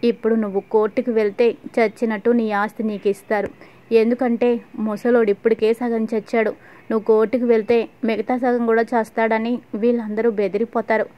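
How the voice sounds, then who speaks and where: A sly middle-aged schemer goads and needles her target, read by a woman narrator. The voice is high and flat. The recording sounds dull and lo-fi. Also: fairly quick, lightly acted. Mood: goading. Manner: needling, goading.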